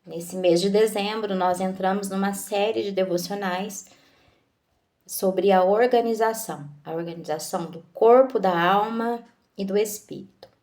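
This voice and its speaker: A woman giving a devotional talk, slow and measured, asking her listeners questions. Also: mid-range voice, a little mellow.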